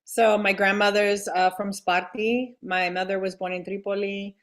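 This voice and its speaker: A woman who grew up in Greece and Delaware, a state legislator speaking earnestly and haltingly as an interview guest. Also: mid-range voice, steady tone. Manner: earnest, halting with many pauses. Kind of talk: interview conversation.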